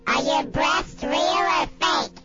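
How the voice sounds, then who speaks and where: A man co-hosting a radio show, heckling the guest sarcastically in a breathy voice. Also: very high-pitched, slow pace, highs cut off, over loud music. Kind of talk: crude radio banter.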